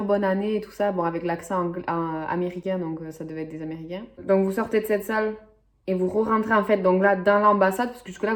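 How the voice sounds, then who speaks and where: Young woman vlogging, chatty and rambly, lots of ums and side comments, middle pitch. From French Basque Country. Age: young adult. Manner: chatty and rambling, many fillers and asides. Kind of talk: casual storytelling vlog.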